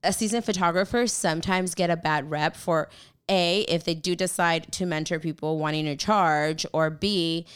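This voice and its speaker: A woman with a smooth, clear voice talks in a relaxed conversational way about her work as a photographer. She slips into acted-out voices when she quotes people, giving her talk an animated feel. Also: lowish voice, normal speed. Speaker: photographer and group organizer. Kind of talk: casual podcast-style chat.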